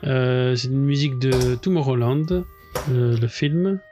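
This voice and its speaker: A man's voice: mid-range voice, unhurried, dark tone, faint music behind. A man co-hosting a podcast in casual chat, mostly brief, teasing interjections. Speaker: podcast co-host.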